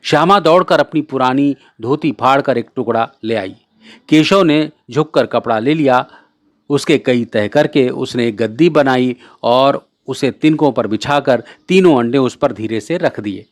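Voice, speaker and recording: A man narrating a classic short story in a measured, clear reading voice. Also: mid-range voice, dry recording, clean studio sound.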